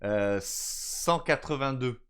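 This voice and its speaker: Playful male stream host, lively voice. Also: mid-range voice, takes it slowly, clear, resonant tone. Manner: playful, reads chat comments aloud. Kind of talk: casual stream chat.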